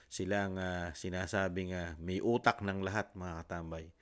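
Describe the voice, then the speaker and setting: Filipino male commentary host, deep low voice, hesitant and courteous. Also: steady tone. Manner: polite, halting, many fillers. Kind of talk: casual commentary.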